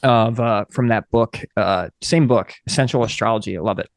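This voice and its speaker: A man's voice: on the low side, moderate pace, dry recording. Dry-voiced man chatting about astrology. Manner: conversational, reads book excerpts aloud. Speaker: podcast co-host. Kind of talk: casual astrology chat.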